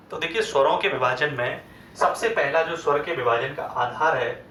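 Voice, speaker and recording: High-voiced man teaching in an echoey room. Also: fairly bright tone, far from the mic, slight background noise. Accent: Hindi. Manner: asks the class questions and answers them himself, drawing out sounds slowly. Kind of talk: exam-prep grammar lecture.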